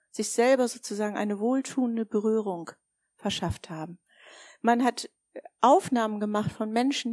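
A woman's voice: mid-range voice, dry recording, studio quality. A woman preaching a sermon, telling stories and asking her listeners direct questions. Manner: warm, storytelling, addresses listeners directly with questions.

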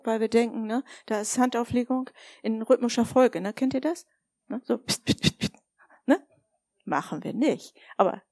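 A woman's voice: a little high, no room sound. A woman preaching a sermon, telling stories and asking her listeners direct questions. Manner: warm, storytelling, addresses listeners directly with questions.

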